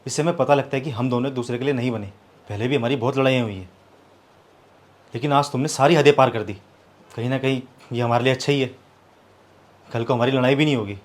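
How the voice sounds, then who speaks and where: A man's voice: mid-range voice, steady tone, fast, long pauses, lightly acted. An actor playing a proud young man who argues defensively with his partner, then turns cold and bitter. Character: young man, proud, hurt, coldly walking out. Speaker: live-in partner. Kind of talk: scripted short-film acting.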